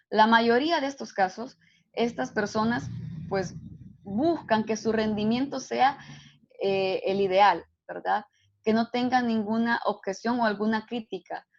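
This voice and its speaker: A woman's voice: fairly high pitch, highs cut off. A woman giving a psychology lecture, explaining steadily and often checking in with tag questions. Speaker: psychology instructor. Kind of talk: online lecture.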